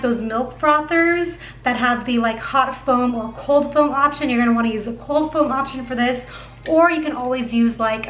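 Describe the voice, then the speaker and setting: High-voiced woman with a slight lisp. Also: a bit bright, a little hiss or hum. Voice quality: slight lisp from dental aligners. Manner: chatty, addresses viewers as guys, many fillers like 'like'. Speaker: cooking vlogger. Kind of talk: casual kitchen vlog chat.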